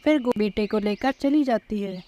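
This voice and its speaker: A woman narrating an animal story for children in a plain, steady way. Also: mid-range voice, muffled recording.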